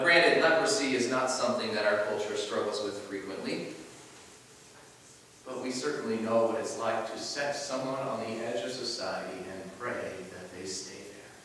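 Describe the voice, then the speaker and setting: A man, a pastor, preaching a measured sermon that swells on key phrases and falls soft at the ends of lines. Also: medium pitch. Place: large church sanctuary. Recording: echoey church from far off, faint hiss.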